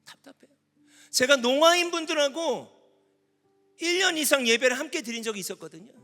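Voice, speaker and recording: A man preaching at a youth camp as pastor, animated, asking the audience questions and at times shouting. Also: extremely high pitch. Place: large hall at a youth camp. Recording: long hall reverb with faint instrument music.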